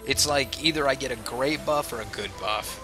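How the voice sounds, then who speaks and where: Over game music, a streamer with a head cold and a chesty cough plays and talks to viewers, rambling and self-mocking. His voice sits at medium pitch and normal speed.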